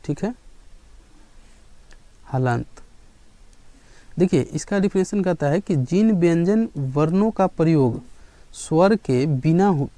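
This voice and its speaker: A male teacher giving a grammar lesson in a classroom style, often pausing to check in and asking questions that he then answers himself. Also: a little high, creaky, dark tone, dry recording. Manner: checks in with students again and again, asks and answers his own questions.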